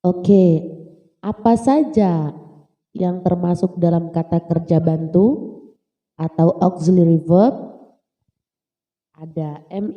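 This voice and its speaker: A woman who teaches English gives a casual grammar lesson in a mid-range voice, patiently going over points again and making sure listeners keep up. The sound is dull, with a big-room quality.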